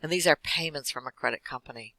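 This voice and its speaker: A man teaching an accounting class, walking through lecture slides quickly with casual fillers. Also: medium pitch, creaky, pushed and bright, no room sound, rough recording. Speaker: accounting instructor.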